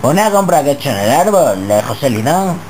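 A caller with an accent from Spain speaks over a landline phone at a middling pitch. The talk is casual, slangy and insistent, full of questions and complaint. The line is clearly noisy. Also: big pitch swings, a little fast. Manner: insistent, colloquial, repeatedly asking. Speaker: prank caller.

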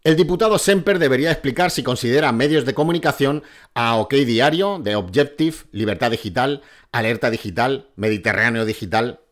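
A man's voice: mid-range voice, a little fast. A middle-aged man commenting on a political clip in a sarcastic, mocking way, swearing freely.

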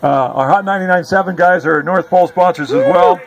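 A man's voice: high-pitched, fast, lo-fi sound. A man working as a jovial, teasing live announcer at an outdoor event. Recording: outdoor PA with crowd noise. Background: crowd.

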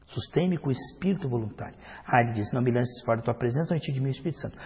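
A male pastor preaching a sermon, swinging from loud emphatic outbursts to hushed, prayerful passages. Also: medium pitch, rapid-fire, breathy edge. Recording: dull lo-fi sound with long hall reverb.

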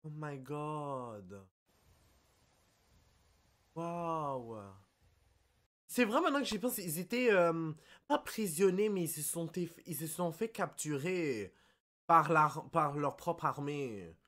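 A young man with a Québécois French accent giving casual reaction commentary, excitable and apologetic, blurting out English exclamations. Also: on the high side, slow pace, pauses often. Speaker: anime reaction YouTuber.

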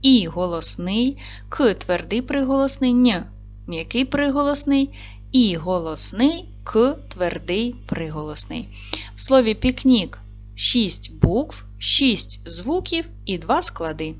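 Lady teacher doing a video lesson for little kids, slow and careful, quiet music behind. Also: fairly high pitch, expressive. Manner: asks questions, pauses, then answers them herself; slow, careful, clearly spelled-out speech. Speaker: primary school teacher. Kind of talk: video lesson for young children.

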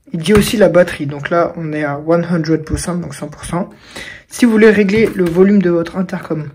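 A young adult man, a video creator and presenter, gives a casual product tutorial from a room in his home, talking informally and directly to viewers. His voice is high and a little mellow, with slight background noise.

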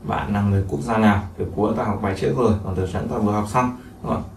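A man teaches a language lesson, explaining each phrase over and over with lots of fillers, in a fairly low, creaky, slightly mellow voice with fairly even intonation and a racing pace. The room is echoey, with a distant mic and faint noise.

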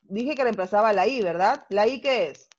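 A woman's voice: mid-range voice, normal speed, darkish tone, highs cut off. A woman teacher with a Peruvian Spanish accent, explaining a grammar lesson patiently in an online class and checking understanding with frequent tag questions.

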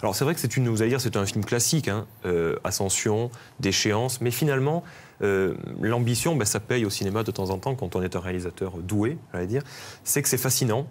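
A man reviews a film in a TV studio, speaking keenly and recommending it. His voice sits on the low side of ordinary. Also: a little fast. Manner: enthusiastic, recommending. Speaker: film columnist.

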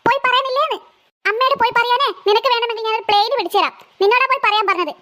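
A woman's voice: extremely high pitch, rapid-fire, pushed and bright. A woman voicing a cheeky, stubborn little girl in a cartoon who mocks and defies her sister. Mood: defiant. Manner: mocking, defiant, sassy. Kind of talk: cartoon voice acting.

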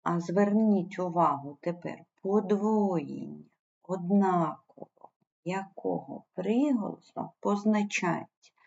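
A woman's voice: lowish voice, slow pace, creaky, darkish tone, breathy edge, dull audio. A woman teacher giving a primary school language lesson, patiently spelling out sounds and syllables. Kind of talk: slow explanatory online lesson.

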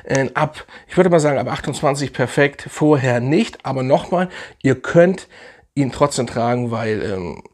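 A man's voice: mid-range voice, animated, moderate pace, a little mellow. A young man casually reviewing fragrances in a vlog, enthusiastic and slangy, rambling with fillers.

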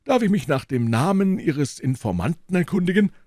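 A man voicing an older, hostile male professor with a high, screeching voice and a sharp, agitated manner, in an audiobook reading. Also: big pitch swings, normal speed, dry recording, studio quality. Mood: suspicious. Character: hostile old male professor, shrill and suspicious.

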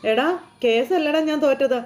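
A woman's voice: sits high, moderate pace, a little mellow, lightly acted. A woman voicing a heartbroken, volatile young man who pleads and rages in anguished outbursts. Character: heartbroken, volatile young man raging over lost love.

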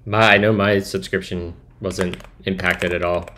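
A man with a very low voice talks slowly through his code on a live stream, musing and trailing off as he goes. Soft keyboard typing and clicks sit faintly behind him. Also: flat delivery, slight background noise. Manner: musing, self-talking, trailing off. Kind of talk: thinking aloud while coding.

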